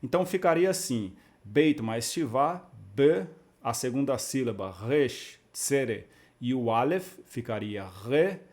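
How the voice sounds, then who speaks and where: A man teaches in a calm, methodical way. He explains each step patiently and slows down to sound out syllables. His voice sits at a middle pitch. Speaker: Biblical Hebrew teacher. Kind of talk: explanatory video lesson.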